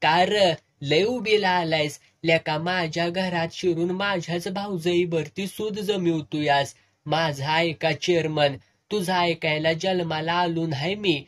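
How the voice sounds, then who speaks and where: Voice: medium pitch, fairly even intonation, takes it slowly, natural voice. A reader voicing a menacing village strongman. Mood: threatening. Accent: rural Marathi village. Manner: threatening, swaggering.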